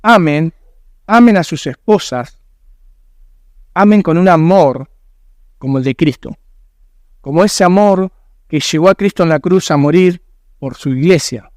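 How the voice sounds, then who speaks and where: A man's voice: a little high, a little slow, long pauses, darkish tone, dry recording, clean studio sound. A man with a Rioplatense Spanish accent preaching a sermon as a pastor in a church, earnest and emphatic, asking rhetorical questions.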